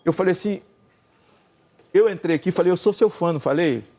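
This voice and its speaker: Gravelly older man telling a story. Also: high-pitched, fairly quick. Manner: animated storyteller acting out dialogue. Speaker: gospel singer and senator telling a story. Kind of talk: casual storytelling chat.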